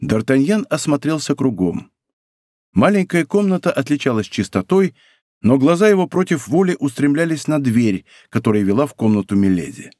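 A man's voice: mid-range voice, big pitch swings, moderate pace, darkish tone, no room sound, studio quality. A man reading a novel aloud as an audiobook narrator, telling the story expressively. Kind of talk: scripted narration.

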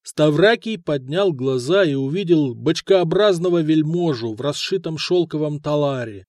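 A man narrating an audiobook story in a steady, expressive storytelling manner. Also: a little high, moderate pace, dry recording, studio quality. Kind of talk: scripted narration.

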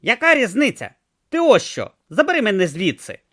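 A man voicing a grumpy, sarcastic god stuck in a male tortoise's body, snapping loudly in an audiobook. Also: sits high, huge pitch swings, normal speed, no echo, studio quality, pitched above the performer's own voice, full character voice. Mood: irritated. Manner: snappish, loud, exasperated. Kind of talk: audiobook character voice.

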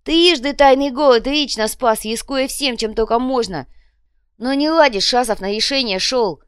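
Lady putting on a pompous chieftain guy, high and loud, drawn-out speech, smooth clear voice. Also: no echo, studio quality, natural voice. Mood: grandiose.

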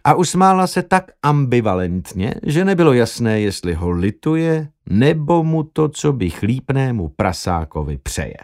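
A man reading an audiobook aloud with wry, expressive storytelling. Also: medium pitch, hardly any pauses. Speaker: audiobook narrator. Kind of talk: scripted narration.

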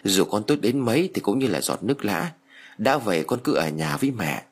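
A man voicing a calm older mother consoling her daughter. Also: on the low side, brisk, breathy edge, heavily acted.

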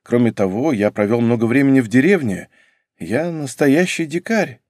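A man voicing an earnest, reserved young nobleman in an audiobook, speaking quietly and sincerely. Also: medium pitch, expressive, normal speed, no room sound, studio quality, lightly acted. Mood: subdued.

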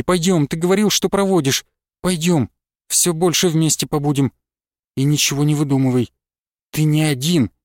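A man's voice: a little high, a little mellow, dry recording, clean studio sound, natural voice. A man voicing a devoted young peasant wife who pleads in an earnest, tender rush of words.

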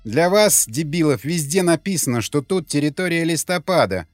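A man's voice: on the high side, expressive, normal speed, no room sound, clean studio sound, soft background music, voice pushed up, lightly acted. A man voicing a crude, mocking woman who leads an armed gang, jeering and coarse.

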